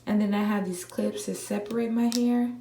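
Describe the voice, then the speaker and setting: A young woman vlogger, talking viewers through a hair tutorial in a relaxed, chatty way, a little groggy from just waking up. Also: mid-range voice, moderate pace, a little hiss or hum. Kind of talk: casual how-to tutorial. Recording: echoey room with faint ambience.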